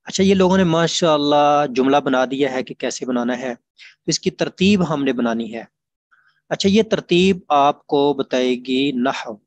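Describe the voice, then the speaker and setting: Guy teaching an online class, patient, goes over examples again and again, mid-pitched voice. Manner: patient, explanatory, repeats examples slowly. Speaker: Arabic grammar teacher.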